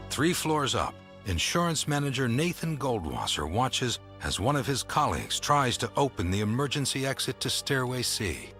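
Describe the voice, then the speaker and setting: A man giving scripted documentary narration in a measured, grave storytelling manner. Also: medium pitch, big pitch swings, a bit bright. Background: music.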